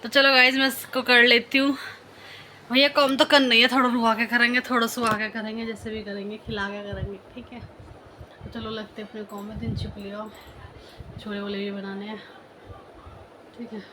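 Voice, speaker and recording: A woman's voice: flat delivery, normal speed, long pauses, background noise. A woman, chatting casually to viewers in a family vlog and cooing at her baby. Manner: chatty, talks to viewers and coos at her baby in a high sing-song. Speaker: family vlogger. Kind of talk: casual home vlog talk. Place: home kitchen and living room.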